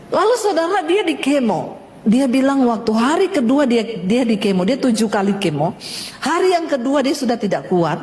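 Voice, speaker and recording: High-voiced woman preaching in an echoey hall. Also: moderate pace. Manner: earnest, quotes others in lively retelling. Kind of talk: sermon testimony.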